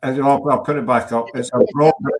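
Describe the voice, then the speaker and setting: Speaking at a normal pace with fairly even intonation and a medium-pitched voice, this man hosts a casual online chat show. He's from Scotland, has a Glaswegian accent, and as a podcast host he's jokey and teasing with his guest, using Scots words.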